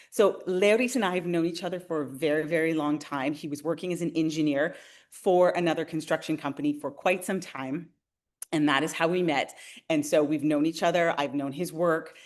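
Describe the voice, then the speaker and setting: A woman in her forties from Canada, a realtor hosting a webinar, who talks in a friendly, enthusiastic way and speaks straight to her viewers. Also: lowish voice. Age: 40s. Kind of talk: upbeat webinar presentation.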